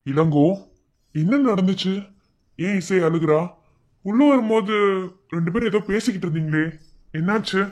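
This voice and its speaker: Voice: medium pitch, normal speed, pauses often, a little mellow, close to an everyday voice. A performer voicing a stern, short-tempered elder brother in a cartoon, demanding answers and raising his voice. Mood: suspicious. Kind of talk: cartoon voice acting.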